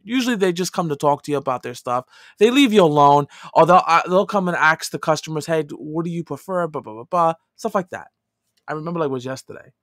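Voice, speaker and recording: A man in his thirties, a podcast co-host, telling a story in casual chat, animated and swinging from loud outbursts to quiet asides. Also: a little high, no echo, studio quality.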